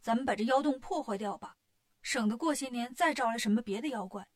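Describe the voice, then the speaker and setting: A brash monkey king hero, as a woman storyteller voices him, snapping out orders in a brisk, direct way. The voice stays near the teller's own, fairly high. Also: natural voice.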